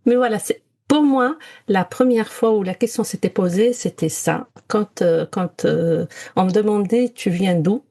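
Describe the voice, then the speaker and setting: Here a Moroccan woman co-hosting a podcast chats in a relaxed, reflective way, sharing personal stories. Her mid-range voice is mellow and her pace measured, and she often gropes for words, mixing in bits of English.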